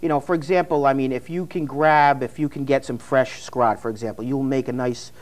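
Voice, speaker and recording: A man's voice: mid-range voice, steady tone, fairly quick. A man in his twenties, born in Italy, a chef and restaurant owner talking eagerly as a TV guest, with many restarts and "you know"s. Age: 20s. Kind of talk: TV interview guest.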